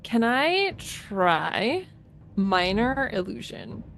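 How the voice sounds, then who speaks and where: Slow, hesitant woman at a game table. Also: fairly high pitch, sing-song, vocal fry, fairly bright tone, soft background music. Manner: hesitant, thinking aloud. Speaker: player in a tabletop role-playing game. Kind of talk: casual game chat.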